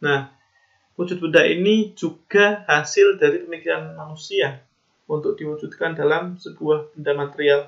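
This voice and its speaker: Man, gravelly voice, slightly high, casual lecture, halting, muffled lo-fi recording. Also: steady tone, fairly bright tone. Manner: hesitant, many fillers and restarts. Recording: dull lo-fi recording.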